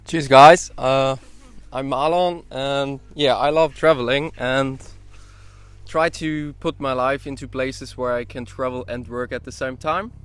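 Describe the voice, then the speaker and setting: A man introducing himself to a travel group in a relaxed, easygoing way. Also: medium pitch, unhurried, smooth, no echo.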